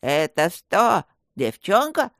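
A woman's voice: lowish voice, big pitch swings, slow pace, fairly bright tone, no room sound, studio quality, heavily acted. A woman voicing a dull-witted male bandit who lisps through missing front teeth and panics easily. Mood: dim panicky. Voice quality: lisping.

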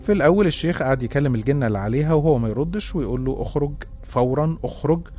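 A man's voice: medium pitch, expressive, racing, mellow. A man with an Egyptian accent narrating a listener's horror story in the first person. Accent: Egyptian Arabic.

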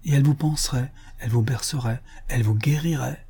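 A man reading the part of a gentle older mother, a countess, pleading affectionately with her future son-in-law. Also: mid-range voice, a little fast, breathy edge, voice pushed up. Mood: tender pleading. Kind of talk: audiobook character reading.

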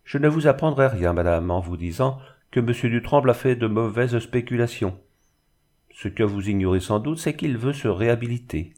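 A man voicing an obsequious, smooth-talking village bailiff with an unctuous, honeyed manner. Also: on the low side, expressive, moderate pace, a little mellow. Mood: wheedling.

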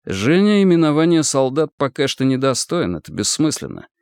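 Reader as a measured, formal soldier, near his own voice, dry sound. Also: medium pitch, big pitch swings, a little mellow, clean tone, no room sound. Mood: stern. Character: calm principled young male soldier.

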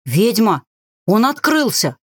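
A woman's voice: medium pitch, very animated, measured pace, dry recording, clean studio sound. A woman doing a cowardly crow familiar. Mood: anxious. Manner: nervous, reproachful.

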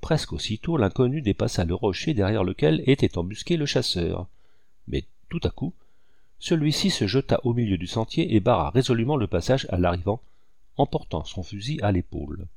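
A man reading a novel aloud as scripted narration, in a measured, descriptive way. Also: on the low side, sing-song, vocal fry, darkish tone, no room sound, studio quality. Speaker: audiobook reader.

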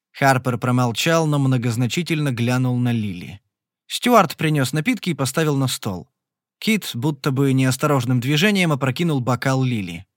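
A man narrating an audiobook in an even, measured reading. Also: fairly high pitch, dry recording. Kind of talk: scripted narration. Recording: dry close studio recording.

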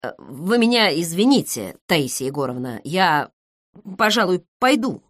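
A woman's voice: on the low side, sing-song, unhurried, a bit bright, dry recording, clean studio sound, full character voice. A woman reading the part of an apologetic, hesitant 60-year-old retired male accountant.

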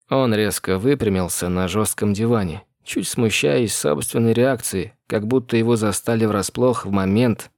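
Here a man narrates an audiobook from a script, his voice on the low side and his delivery steady and even. The sound is clean studio quality with no room sound.

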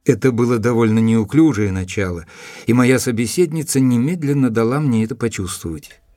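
Doctor Watson, bright-voiced courteous gentleman played by an actor. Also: medium pitch, close to an everyday voice. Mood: reflective, measured. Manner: measured, formal, polite. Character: Doctor Watson, courteous, persistent English gentleman narrator and investigator. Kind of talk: dramatized audiobook narration and acting.

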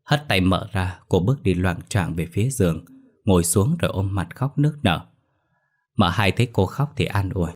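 Low-voiced man narrating a ghost story. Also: expressive, moderate pace.

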